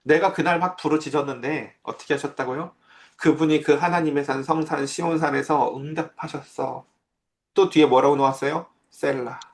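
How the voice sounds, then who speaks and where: A man's voice: a little high, fairly even intonation, moderate pace. A man preaching a sermon as pastor, in a conversational way that keeps asking his listeners questions.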